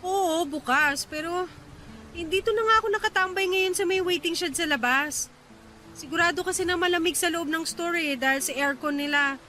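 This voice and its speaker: A woman in a radio drama plays a young woman left stranded at night after a bus cut its route, complaining in exasperation. Her very high voice is pushed and bright, at a moderate pace.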